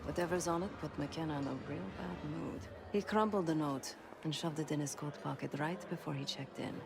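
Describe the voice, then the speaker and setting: A woman's voice: low-pitched, fairly quick, vocal fry, background noise. A woman acting a cool, shrewd spy in a video game cutscene, confident and controlled as she gives instructions. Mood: cool, instructing. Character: cool, shrewd female spy briefing an operative. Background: music.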